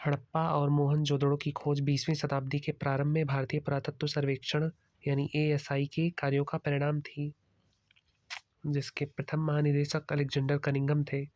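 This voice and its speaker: A male exam-prep teacher works through a slide-based lecture in Hindi, mixing in English terms. His slightly high voice stays monotone with a darkish tone at a moderate pace, and the recording is dry, close and dull, with no room sound.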